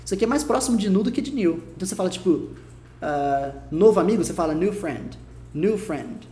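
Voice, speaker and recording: A Brazilian man with a Brazilian Portuguese accent teaches English in an online video lesson. His voice is dark and mellow, and he explains patiently, repeating each example and saying the English phrases slowly and carefully. The recording carries a roomy echo. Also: high voice, animated.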